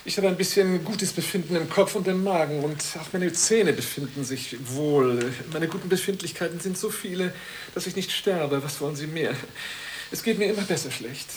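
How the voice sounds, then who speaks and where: A woman plays a plaintive, contrary patient in a comic radio play. Her voice sits somewhat low, and the recording carries a slight hiss. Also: normal speed, natural voice. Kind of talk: absurdist comic drama acting.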